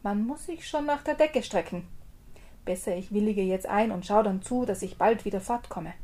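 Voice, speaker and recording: A woman's voice: mid-range voice, moderate pace, mellow, lightly acted. A woman voicing a small, cunning male tailor who brags cheekily, during a storybook reading. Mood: timid. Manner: cheeky and bragging, raised voice.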